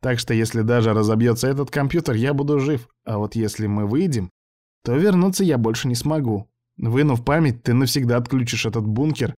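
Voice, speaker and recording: A man voicing an irritable male professor who lives inside a laptop, shouting orders and sneering. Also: medium pitch, a little fast, lightly acted. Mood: snide.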